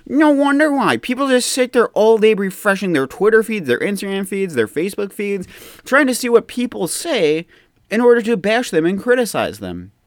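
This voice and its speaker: An American man ranting in an exasperated, mocking tone, often dropping low to mimic the people he criticizes. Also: very animated, moderate pace, dry recording, studio quality. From United States. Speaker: commentator. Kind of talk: opinion rant to camera.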